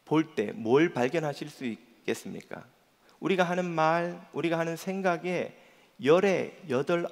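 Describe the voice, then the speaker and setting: A man's voice: fairly high pitch, gravelly. A male pastor preaching a Sunday sermon in earnest, putting rhetorical questions to the congregation. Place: church sanctuary. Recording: long church reverb.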